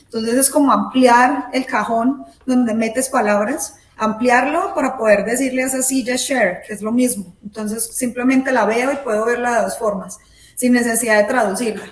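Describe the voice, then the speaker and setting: A woman's voice: a little high, moderate pace. A woman, a guest in a casual interview, who explains things step by step and gives examples. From Latin America. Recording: echoey room.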